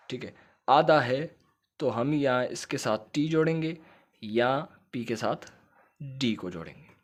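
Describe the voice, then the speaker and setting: Guy with teaching shorthand, patient, repeats stuff and keeps checking you got it. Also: medium pitch. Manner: explains patiently, repeats points and checks understanding. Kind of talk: recorded lecture.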